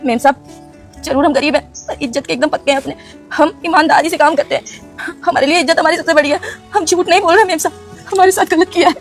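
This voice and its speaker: A woman's voice: sits high, steady tone, fast talker, faint music behind. A woman playing a poor young housemaid who pleads deferentially with her employer in an acted family drama. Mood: pleading.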